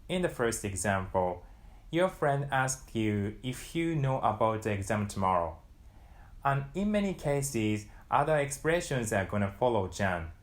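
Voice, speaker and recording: Speaking to camera with a Japanese accent, this young language teacher from Japan delivers a calm, scripted lesson in a lowish voice. When he gives Japanese example phrases, he says them more loudly and quickly. A lapel mic captures him in a small room.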